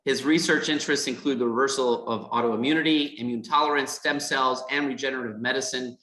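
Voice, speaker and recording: In an echoey room and on a rough recording, a man with a sharp, mid-range voice speaks fairly quickly and with fairly even intonation. He's the host and interviewer of a foundation event on a video call, reading a scripted introduction that's peppered with fillers and repeated words.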